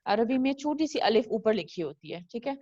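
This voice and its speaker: A woman teaching a recitation lesson over a video call, modeling words slowly and patiently for a student to repeat. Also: fairly high pitch, expressive, warm tone, highs cut off. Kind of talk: online tajweed lesson.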